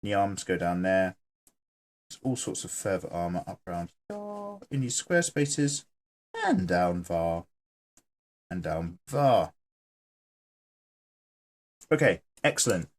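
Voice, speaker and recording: This artist and channel host speaks low and slowly in a sing-song way, pausing often. He chats and jokes while sketching and reading what viewers wrote.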